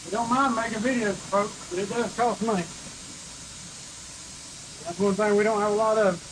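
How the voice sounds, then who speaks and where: A man's voice: sits high, steady tone, normal speed, fairly bright tone, slight background noise, low-quality recording. A man, joking around and giving practical tips while he works on an old truck in his shop. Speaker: custom shop owner, co-host. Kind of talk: casual shop vlog talk. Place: auto shop garage.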